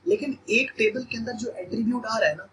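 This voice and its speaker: A man gives a recorded classroom lecture, walking through definitions and repeating key points with frequent fillers. His voice sits high and sounds bright. A faint hiss of noise runs under the recording. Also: brisk, poor audio. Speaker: teacher.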